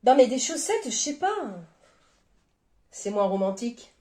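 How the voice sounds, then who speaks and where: A woman's voice: fairly high pitch, sing-song, measured pace, a little mellow, echoey room. A woman acting out short comedy skits with playful banter, playing every part herself. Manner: playful, bantering, switches between characters. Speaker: comedy sketch creator.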